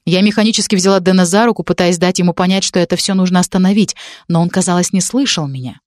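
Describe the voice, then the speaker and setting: A woman reading a first-person story aloud as narrator, in steady storytelling. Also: lowish voice, fast talker, no echo, studio quality.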